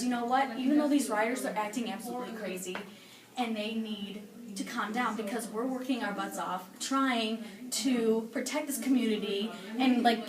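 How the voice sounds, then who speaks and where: A woman's voice: on the high side, close to an everyday voice. Woman playing an exasperated police officer, echoey room. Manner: emphatic, exasperated, rambling. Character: defensive, aggrieved police officer defending the force. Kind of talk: amateur parody news interview. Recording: echoey distant room recording with crowd chatter.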